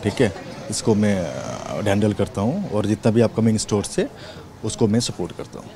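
Relaxed man with a mellow voice. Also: on the low side, normal speed, slight background noise. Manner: talks in a relaxed way, tags many phrases with "right" and "okay". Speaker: area sales manager. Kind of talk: on-camera interview. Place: indoors in a children's clothing store. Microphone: handheld reporters' mics held close.

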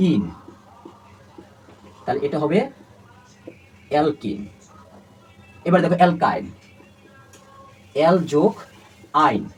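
A man teaching a chemistry lesson. He talks to his students, asks them questions and drills terms by repeating them over and over. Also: on the high side. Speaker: chemistry tutor. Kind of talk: classroom lecture. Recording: distant mic with faint background noise.

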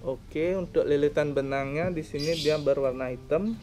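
A man's voice: a little high, moderate pace, a little mellow. A young man giving a casual review of a fishing rod outdoors, explaining and pointing out its details. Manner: plain explaining, counts and points things out. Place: outdoors by a roadside with plants.

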